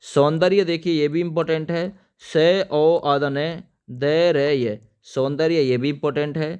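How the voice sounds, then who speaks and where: A man's voice: on the high side, fairly even intonation, measured pace, darkish tone, clear, resonant tone, lo-fi sound. A man teaching an exam-prep spelling lesson, spelling words out letter by letter as he writes and telling viewers to remember the important ones. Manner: addresses viewers as friends, stresses importance.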